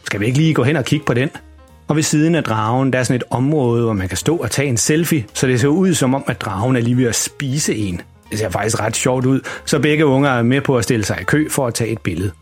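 Husky man reading a children's story. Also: medium pitch. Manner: lively, expressive reading. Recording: music bed behind.

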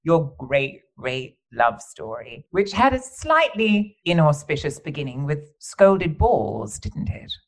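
Man, podcast host, theatrical, elaborate wording, animated swooping pitch. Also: slow pace, few pauses. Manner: theatrical and wordy, fond of elaborate vocabulary and "darling". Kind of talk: interview chat.

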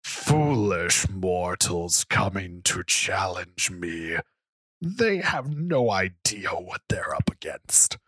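A man's voice: sits low, very animated, slow, fairly bright tone, husky, dry recording, full character voice. A man voicing a boastful, arrogant male dragon villain with grandiose, declaiming speech.

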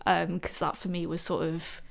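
Woman, podcast host, lower-pitched voice, thoughtful, hedging, conversational. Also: level tone, moderate pace, vocal fry. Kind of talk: casual conversational interview.

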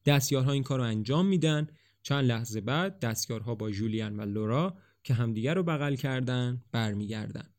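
Male storybook narrator with an even, measured delivery. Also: mid-range voice. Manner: steady, measured reading. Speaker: audiobook narrator.

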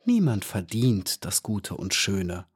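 A man reading an audiobook and voicing a wise male flower elf who speaks calmly and earnestly. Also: fairly low pitch, slow pace, husky, heavily acted. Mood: serene. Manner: calm and earnest.

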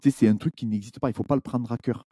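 Male podcast guest, YouTuber; very dark, breathy-edged voice, dry close sound, animated storyteller. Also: medium pitch, very fast, dry recording. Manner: animated storytelling with many restarts. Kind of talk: casual podcast chat.

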